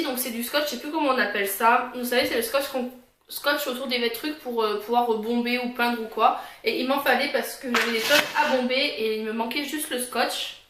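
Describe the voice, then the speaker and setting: A woman vlogger casually showing and describing her purchases in a chatty way, her speech slightly impeded by a new tongue piercing. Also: sits high. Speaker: vlogger presenting a shopping haul. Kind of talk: casual chatty product show-and-tell. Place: indoors, in a bedroom. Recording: echoey room with faint background noise.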